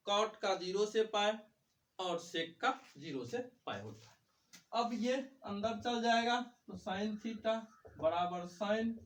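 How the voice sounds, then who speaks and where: A man's voice: sits high, fairly bright tone. A male math teacher giving a lecture, asking questions and answering them himself. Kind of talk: whiteboard lecture. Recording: echoey room, mic far off.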